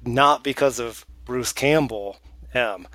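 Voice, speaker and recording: A man's voice: medium pitch, slow pace, bright, forceful tone, dry recording. Male podcast co-host, chatty, laughs easily, dry close sound. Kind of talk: casual film chat.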